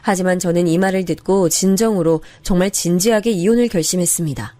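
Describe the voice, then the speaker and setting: A woman's voice: on the low side, a little fast, dark tone, dry recording. A woman narrating a first-person story in an earnest, confiding way. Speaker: narrator of a true-story drama.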